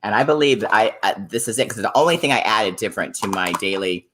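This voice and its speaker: A woman's voice: a bass voice, animated, fast, noisy background. A middle-aged woman hosting a casual interview, praising products with upbeat enthusiasm. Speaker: host.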